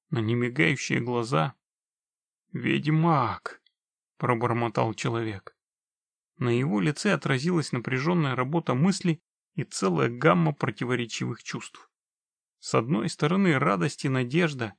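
A man narrating an audiobook in a steady, measured storytelling manner. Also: medium pitch, gravelly, dry recording.

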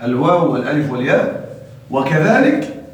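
A man's voice: fairly high pitch, sing-song, moderate pace. A man teaching Arabic grammar to a class, stopping often to ask the students whether they follow. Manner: asks the class frequent check questions. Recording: echoey room, mic far off.

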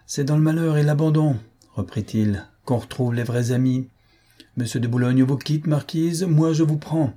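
A man's voice: fairly high pitch, moderate pace, warm tone, pitched above the performer's own voice, close to an everyday voice. A man voicing a brazen, ragged rogue in an audiobook, with a thundering, mocking delivery. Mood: sardonic. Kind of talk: audiobook character voice.

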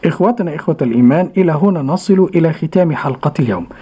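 A man hosting a radio lesson in a formal, courteous way, with a fairly high but mellow voice. He repeats phrases after his guest and closes the show politely. The sound is dull and lo-fi, like an old broadcast. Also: lively intonation, very fast, slightly rough. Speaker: radio program host.

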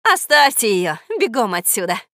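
A woman voicing a stern, wise old female wild goose who leads her flock, speaking loudly and with measured authority. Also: medium pitch, animated, dry recording, studio quality. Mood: commanding. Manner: commanding, loud and measured. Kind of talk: audiobook character voice.

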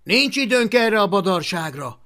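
An audiobook reader voicing an eager young viking boy hero who talks loudly and urgently. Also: mid-range voice, pitched above the performer's own voice, lightly acted. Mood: urgent shouting. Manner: loud, urgent, flattering.

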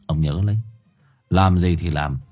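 Storybook spirit: young, cold, low and commanding, put on by a man. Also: measured pace, a little mellow, soft background music. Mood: stern. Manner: cold, stern.

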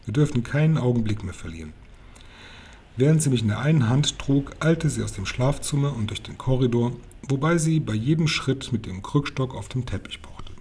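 A man reading a children's book aloud in a steady, plain storytelling manner, with the odd small slip. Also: mid-range voice, moderate pace, few pauses, breathy edge. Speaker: audiobook reader.

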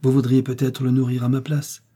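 A man's voice: medium pitch, moderate pace, dark tone, breathy edge, lightly acted. A man reading the part of a young miller's wife who defies her cruel mother-in-law, speaking with heated, trembling defiance. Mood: cutting.

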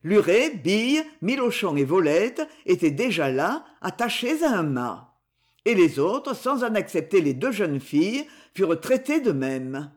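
A woman narrating an old adventure novel aloud, reading with lively expression. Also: on the low side, unhurried. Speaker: audiobook reader. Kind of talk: scripted narration.

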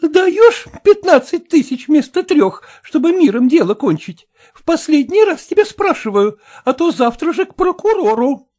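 A woman's voice: sits high, sing-song, moderate pace, dark tone, voice pushed up. A woman reading a storybook, voicing a grasping middle-aged woman who haggles shrilly and insistently. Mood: haggling, insistent.

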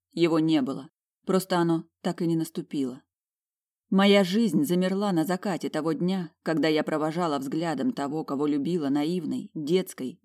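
A woman's voice: deep voice, mellow. A woman reads a first-person audiobook with emotional, introspective storytelling. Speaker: audiobook narrator.

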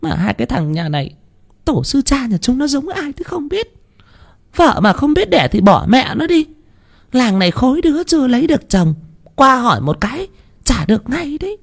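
A shrill nagging old village wife. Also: male voice, very animated, moderate pace, gravelly, full character voice. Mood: scolding. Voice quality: high, strained, nagging.

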